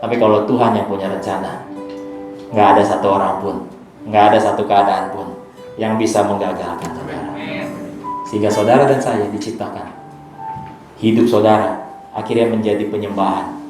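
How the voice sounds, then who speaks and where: A man's voice: lowish voice, steady tone, normal speed, pauses often. A male pastor preaching a sermon with emphasis, speaking directly to the congregation and leading them in spoken responses. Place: church service. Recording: echoey church hall with music.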